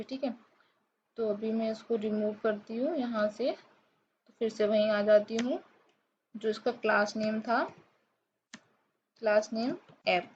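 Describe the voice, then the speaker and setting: A woman's voice: fairly high pitch, darkish tone. A woman teaching a programming lesson while she codes on screen, explaining step by step and checking in often with her viewers. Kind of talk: screen-recorded coding tutorial. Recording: dull lo-fi mic, faint hiss.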